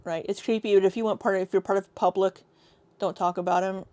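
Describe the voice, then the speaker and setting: A woman's voice: medium pitch, steady tone, fast talker, a little mellow, no room sound. Woman co-host, casual livestream chat, blunt and profane, dry close sound. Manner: blunt, sweary, reads chat aloud.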